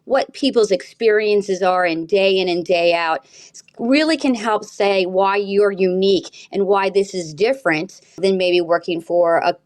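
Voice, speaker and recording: A woman guest on a podcast giving a thoughtful, measured answer. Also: medium pitch, darkish tone, dry recording. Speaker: guest panelist. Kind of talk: conversational interview answer.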